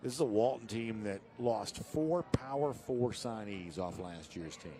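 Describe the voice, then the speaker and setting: A man calling a live high school football game play by play, steady and informative, climbing in energy on big plays. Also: unhurried, background noise. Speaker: play-by-play announcer.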